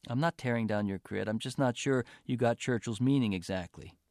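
A man's voice: mid-range voice, a little fast, vocal fry, darkish tone, no room sound, studio quality, close to an everyday voice. A man voicing a wry, hesitant young female college student in a story reading.

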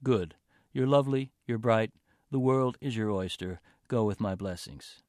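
A man voicing a blunt, deliberate male drama professor in a read-aloud story. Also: lowish voice, a little mellow, no echo, studio quality, natural voice. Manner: blunt, measured.

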